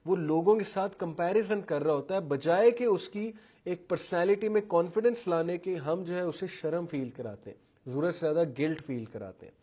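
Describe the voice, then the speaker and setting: A man's voice: fairly high pitch, darkish tone. A man giving a talk on parenting styles, listing traits one by one and mixing English terms into his speech, acting out what parents and children say in his examples. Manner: acts out parents' and children's words while telling examples. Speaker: parenting lecturer.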